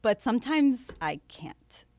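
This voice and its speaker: Her voice is fairly high, sing-song and slow, with a darkish tone, on a dry recording. She's a young law student from Venezuela, raised in San Francisco, talking casually in an interview, laughing readily and filling pauses with fillers.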